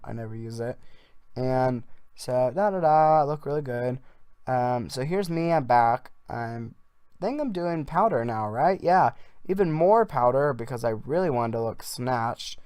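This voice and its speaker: A man's voice: medium pitch, animated, moderate pace, a little mellow, clear, resonant tone, dry recording, studio quality. A man doing a casual improvised voiceover as a makeup vlogger, rambling in an offhand, jokey way.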